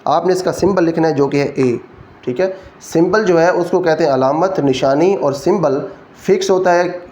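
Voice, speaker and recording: A man's voice: on the high side, normal speed, a little mellow. A man with a Pakistani Urdu accent giving a physics lecture, explaining each rule step by step and checking in with his students. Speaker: physics teacher. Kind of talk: classroom lecture.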